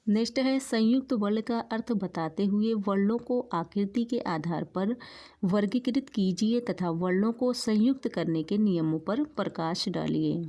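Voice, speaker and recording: Woman teacher going over exam stuff, explains and repeats the main points, mid pitch voice. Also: a little slow, dark tone. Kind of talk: exam-prep lecture.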